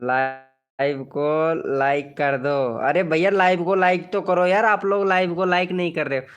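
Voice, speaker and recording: A man's voice: high-pitched, unhurried, fairly bright tone, clean tone, dull audio, soft background music. A man chatting casually on a livestream, greeting viewers by name and repeating his phrases as he reads out their comments. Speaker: live streamer greeting viewers.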